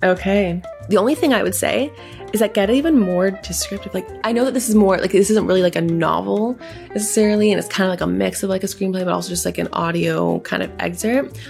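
A woman's voice: mid-range voice, fast, vocal fry, a little mellow, faint music behind. A woman romance author, a podcast guest, chatting enthusiastically and laughing often as she reads and discusses erotica.

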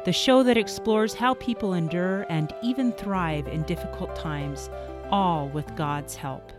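Woman podcast host with a low, soothing voice. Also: unhurried, loud music behind the voice. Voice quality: low, soothing, beautiful speaking voice. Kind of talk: scripted show introduction and interview.

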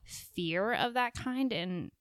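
A young woman in casual conversation as a podcast co-host, talking in halting, filler-heavy phrases with soft laughs. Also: medium pitch, clear, resonant tone, dry recording, studio quality.

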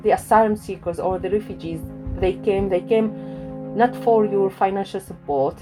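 A woman's voice: medium pitch, normal speed. A woman from Syria, giving an earnest personal testimony and searching for her words. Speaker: refugee storyteller and co-producer. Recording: loud music bed under speech.

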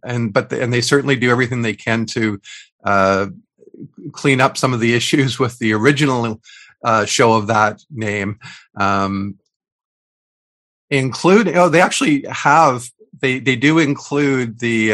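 A man's voice: mid-range voice, a bit bright. A man in his fifties co-hosting a podcast, chatting casually with many fillers and restarts over a video call. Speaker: podcast co-host. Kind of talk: casual chat.

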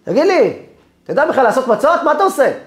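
A man voicing a furious middle-aged male matzah baker who shouts and berates. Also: extremely high pitch, very animated, echoey room, voice pushed up.

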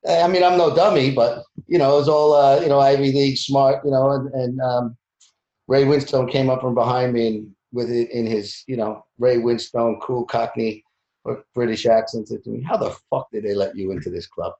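A man talks through an interview answer in a halting, easygoing manner, padding his sentences with fillers as he goes. His voice sits at a middling pitch. The sound is roomy and a little dull, like a lo-fi recording. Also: little pitch movement, mellow. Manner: halting, full of "you know" fillers. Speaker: film producer, interview guest. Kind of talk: casual interview conversation.

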